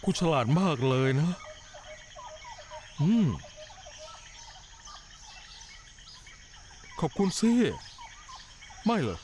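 A man's voice: on the high side, sing-song, slow, a little mellow, slight background noise. A man dubbing a touchy, argumentative man who demands thanks and bristles when blamed, in a Thai dub of a TV drama. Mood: teasing. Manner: indignant, quarrelsome. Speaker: dubbing actor.

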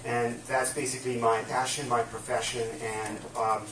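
Speaking at normal speed in a mid-range voice with little pitch movement, a man from the Netherlands in his fifties delivers a public lecture as a guest speaker. He explains things earnestly and carefully, using lots of fillers, before a small audience in a dim room with a projection screen; the distant camera mic sounds roomy, with faint room noise.

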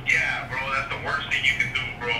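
A mid-pitched man takes a call as a store employee, talking casually. He is heard over a speakerphone in an echoey room with clear noise. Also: steady tone, a little fast, recorded from a distance. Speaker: store employee answering phone. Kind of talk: casual customer service phone talk.

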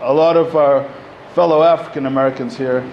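His mid-range voice moves a little fast with fairly even intonation, heard through dull audio with a little hiss or hum. The man, in his thirties and from Egypt, is a panel speaker giving a conversational community talk at a podium mic, gesturing and using many fillers like "you know" and "like."

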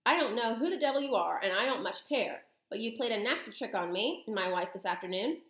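A woman voicing a blustering, indignant English father in a storybook, shouting and spluttering. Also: on the high side, animated, a little fast, reverberant. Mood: angry.

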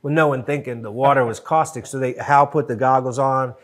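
A middle-aged man from Western Pennsylvania, a guest on a studio podcast, talking casually and animatedly with many restarts, recorded on a boom-arm mic. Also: brisk. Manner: animated, gestures a lot, frequent restarts. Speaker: podcast guest, TV show co-creator. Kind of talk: casual interview chat. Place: wood-paneled podcast studio.

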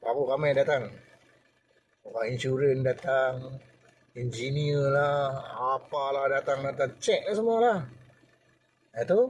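An older man with a Malaysian Malay accent tells a long story in a relaxed, chatty way. His voice sits a little high for a man, and he talks to the listener like an uncle to a youngster, acting out the lines of the people in his story. A faint hum of noise lies underneath. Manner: chatty, addresses the listener as a younger person, acts out what others said. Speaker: former ship deckhand telling a story. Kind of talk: casual spoken storytelling.

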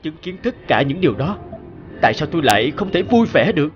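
This cartoon performance has a man playing a brooding, hurt young ex-boyfriend who has done well for himself, speaking wistfully and with deep feeling about his history over background music. His voice is slightly high, very animated and fairly fast, though the recording is muffled.

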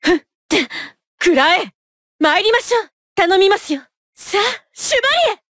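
Voicing a young female knight in a fighting game, she uses a high, fairly bright voice that swings widely in pitch, animated at a moderate pace. Haughty and coolly ruthless, her words are polite but her delivery imperious, with fierce, exultant clipped battle lines recorded dry and close with no room sound.

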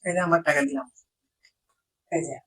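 A man's voice: on the high side, steady tone, moderate pace, bright, forceful tone, breathy edge, far from the mic. A man chatting casually as a challenge contestant. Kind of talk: casual chat.

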